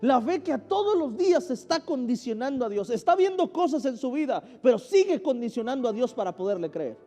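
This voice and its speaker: A man's voice: extremely high pitch, sing-song, brisk, warm tone. A man with a Mexican Spanish accent preaching a sermon as pastor, calling on the congregation to repeat phrases after him. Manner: preaching with call-and-response. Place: church sanctuary. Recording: echoey church hall with music.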